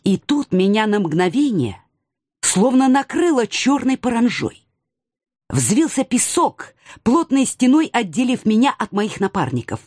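A woman giving an expressive, playful first-person audiobook narration. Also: a little high, a little slow, no echo, studio quality.

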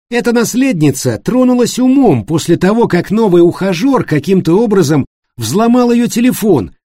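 A man voicing an excited, talkative businessman who tells a story loudly and insistently. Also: sits high, no room sound, studio quality, pitched above the performer's own voice.

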